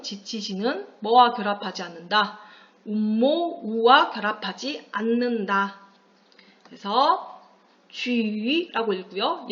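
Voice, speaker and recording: A woman teaching a high school class, explaining a lesson and answering her own questions to the students. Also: lo-fi sound. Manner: patient, asks the class questions and answers them herself. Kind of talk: classroom lecture on pinyin.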